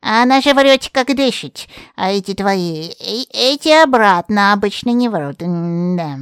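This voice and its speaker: Женщина в роли ворчливой Бабы-яги. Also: female voice, medium pitch, expressive, unhurried, clean tone, dry recording, clean studio sound, natural voice. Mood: complaining. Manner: rustic village granny speech. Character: grumpy old female forest witch, Baba Yaga. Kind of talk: audiobook character voice.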